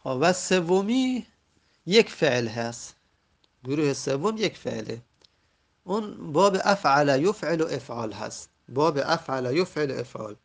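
A man whose first language is Persian, teaching an Arabic grammar lesson and slowly repeating each example word. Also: fairly high pitch, animated, vocal fry. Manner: slow, drawn-out repetition of example words.

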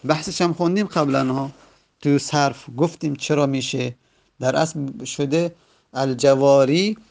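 Gravelly man teaching patiently. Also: mid-range voice, a little mellow. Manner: patient, repeats word forms several times; uneven pace, stretches some words and rushes others. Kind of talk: Arabic grammar lesson.

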